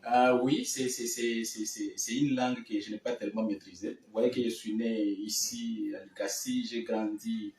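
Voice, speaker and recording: A man's voice: fairly low pitch, steady tone, normal speed, hardly any pauses, darkish tone, reverberant, distant mic, poor audio. A man from the Democratic Republic of the Congo, a guest musician, answering hesitantly and repeating words as he searches. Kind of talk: studio interview.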